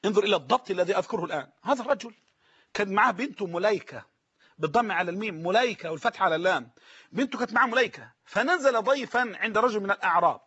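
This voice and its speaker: A male preacher with an Egyptian accent delivers a rapid sermon in a raised, husky voice. He hammers home his points by repeating phrases word by word. The sound is muffled and lo-fi. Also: sits high, lively intonation, sharp tone. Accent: Egyptian Arabic. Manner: emphatic, repeats key phrases slowly. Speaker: Islamic preacher.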